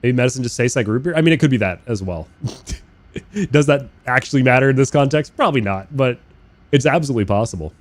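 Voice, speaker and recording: Fast-talking and expressive, this young man has a medium-pitched voice as he streams a flight sim from Australia. The game streamer rambles casually, swears freely, addresses his chat, and erupts now and then into loud rants of disbelief.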